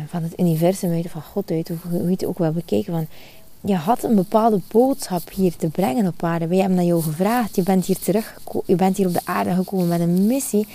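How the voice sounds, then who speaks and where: A woman's voice: medium pitch, vocal fry, warm tone. A woman, hosting a spiritual podcast monologue outdoors in the sun, earnest and repeating her phrases. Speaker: podcast host.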